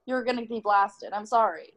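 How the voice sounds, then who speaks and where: A woman's voice: on the high side, normal speed, fairly bright tone, poor audio. Blunt, swearing young woman. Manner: blunt storytelling, heavy swearing. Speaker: podcast co-host. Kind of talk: casual chat.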